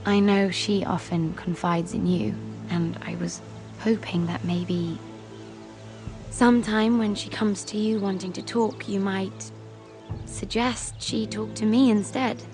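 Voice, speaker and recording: A woman's voice: medium pitch, fairly even intonation, slow, music in the background. A young woman acting an anxious, earnest handmaiden in a medieval fantasy video game, speaking in a hesitant, confiding way. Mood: pleading. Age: young adult. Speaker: actor voicing a video game character. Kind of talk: dramatic video game dialogue.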